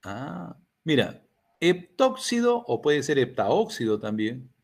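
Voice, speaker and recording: Animated older male chemistry teacher. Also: medium pitch, takes it slowly, vocal fry. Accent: Peruvian Spanish. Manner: animated, asks students questions and answers them himself. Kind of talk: classroom lecture.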